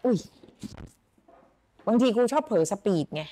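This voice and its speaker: Thai woman, English teacher, Thai accent, livestream lesson, animated and unhurried, drills words slowly. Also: fairly high pitch. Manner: explains slowly, repeats words for students to type and pronounce. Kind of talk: live-streamed English lesson reading a story.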